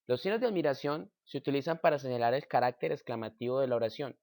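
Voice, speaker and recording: A man slowly reading out a punctuation lesson at a middling pitch. The voice is dry and close, with no room sound. He pauses after each point. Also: expressive, creaky, darkish tone, no echo. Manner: slow, measured reading with example sentences. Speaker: teacher. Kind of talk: reading a grammar lesson aloud.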